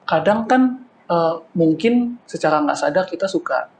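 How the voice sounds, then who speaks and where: A woman's voice: low voice, moderate pace, darkish tone, a little hiss or hum. A woman co-hosting a talk show, asking the guest questions with hesitant fillers and lots of agreeing hums. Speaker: co-host.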